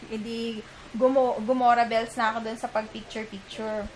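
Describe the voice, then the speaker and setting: A woman's voice: fairly high pitch, flat delivery, moderate pace, darkish tone. A young woman from the Philippines, a mom vlogger telling a story in a chatty, giggly, rambling way, recorded on a camera mic at home. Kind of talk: casual storytelling vlog. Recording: noisy room ambience.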